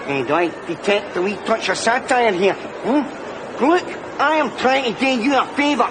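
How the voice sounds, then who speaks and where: An actor with a Glaswegian accent playing a crude, wisecracking friend in a TV sitcom. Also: male voice, extremely high pitch, lively intonation, moderate pace, background noise. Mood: cheeky. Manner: leering, wisecracking, mock-consoling. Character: cheeky crude Glaswegian man, Rab's pal. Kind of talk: TV sitcom acting.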